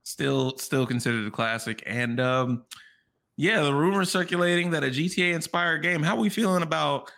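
A man's voice: a little high, moderate pace, gravelly, pushed and bright. A man co-hosting a casual podcast as the video game regular, chatty and joking, with casual swearing. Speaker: podcast co-host covering video games. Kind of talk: casual chat.

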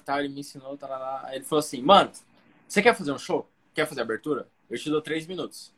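A young guest comedian from Cuiabá, Brazil, with a slightly high, somewhat bright, husky voice, tells a long story in casual slang. He acts out the other people in the tale.

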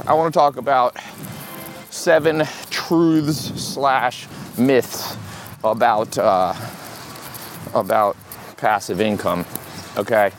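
An American man hosting a podcast in casual solo talk while walking briskly outside. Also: medium pitch. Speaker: podcast host. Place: outdoors in a city park, on the move. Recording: outdoor city noise, traffic hum. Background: street and outdoor city ambience with vehicles.

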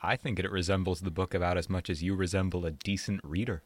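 A man's voice: low-pitched, steady tone, fast talker. A man co-hosting a podcast with scripted narration and dry, teasing banter. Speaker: podcast co-host.

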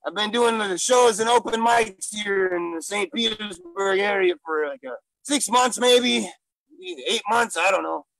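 A man voicing a gruff, silly male gorilla who wants to be a stand-up comic, talking in broken English with loud bursts. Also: high voice, measured pace, dry recording, full character voice, poor audio. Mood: boastful. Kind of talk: improvised comedy character interview.

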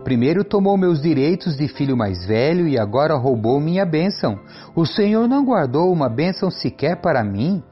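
Man reading a grown son begging his dad, pleading, high-ish voice, bit dull sound. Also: big pitch swings, normal speed, faint music behind.

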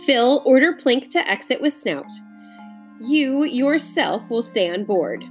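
Madam Pong, a woman doing a cool, firm-yet-soft commander. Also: on the high side, big pitch swings, takes it slowly, faint music behind, voice pushed up. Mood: commanding.

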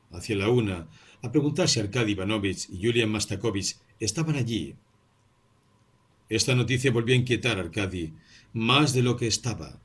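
Male audiobook narrator, lowish pitch, forceful bright tone, measured delivery. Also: husky. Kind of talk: scripted narration.

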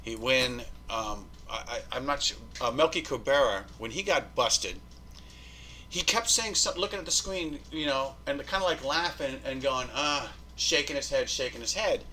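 A man tells a story as a podcast guest. His voice is bright and forward, and his pitch sits in the middle range. He talks casually, swears freely and acts out the people he quotes. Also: normal speed, a little hiss or hum, rough recording. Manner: animated, profane, acts out quoted dialogue.

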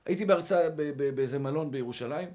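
A man's voice: on the high side, a little mellow. A male rabbi giving a sermon in an emphatic, rousing way, repeating short rallying calls.

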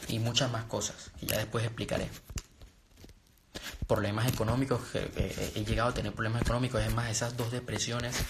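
In a brisk, level mid-range voice against background noise, a young man from Venezuela addresses his live-stream audience casually. As a coach in trading and personal growth, he delivers a sincere but wandering pep talk, restarting sentences and filling gaps with fillers.

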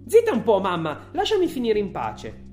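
A woman's voice: medium pitch, wildly swooping pitch, moderate pace, dark tone, faint music behind, voice pushed up. A woman voicing a bratty, gum-chewing young girl in a storybook reading.

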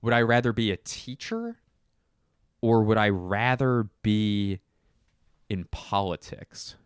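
Recorded up close and dry with no echo, a young man speaks in a resonant, deep, smooth voice. His casual chat meanders, full of fast asides and restarts, and he comes across as expressive. There's a self-deprecating edge, though he stays self-assured.

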